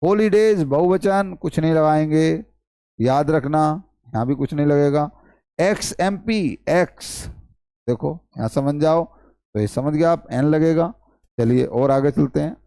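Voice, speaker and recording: High-voiced male teacher. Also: measured pace, dark tone, smooth, no echo, studio quality. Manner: repetitive questioning, addresses students as brother. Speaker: English teacher. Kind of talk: classroom-style lesson.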